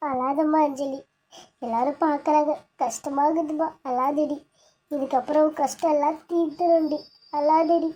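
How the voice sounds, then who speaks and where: A woman's voice: high voice, steady tone, normal speed, warm tone, natural voice. A woman voicing the fond, tearful mother of a pregnant bride in a cartoon serial, soothing her daughter. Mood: consoling. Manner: soothing and consoling.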